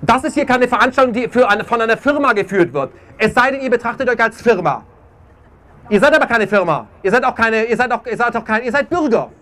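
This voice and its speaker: Faint crowd sounds surround a man speaking at a peace rally outdoors in a very high-pitched, expressive, fairly bright voice at a fast clip. He protests with passion and emphasis, frequently tagging on "ja?".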